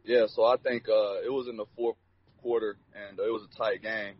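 A man's voice: on the low side, level tone, fairly quick, husky, dry recording. A young man in his twenties, a college football player, answering interview questions in a laid-back way, full of "you know" fillers. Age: 20s. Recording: dull lo-fi recording.

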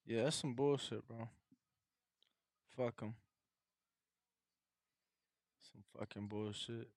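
A man's voice: medium pitch, steady tone, takes it slowly, a little mellow, no room sound, studio quality. A man chatting casually on a livestream in slangy bro talk with swearing.

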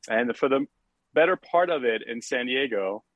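A man's voice: medium pitch, lively intonation, normal speed, fairly bright tone, dry recording, muffled recording. A middle-aged man from France with a French accent, chatting casually as a podcast guest with many fillers and easy laughter. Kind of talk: casual interview chat.

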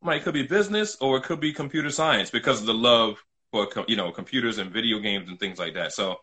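As a casual interview guest, this middle-aged New City man from New York City, United States, shares his own story emphatically, frequently repeating himself. His voice is medium-pitched, fast, and sharp.

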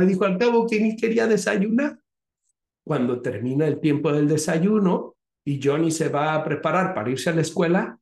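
A man hosting a podcast, telling a story and giving advice in an animated way. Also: sits high. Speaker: podcast host. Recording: roomy echo.

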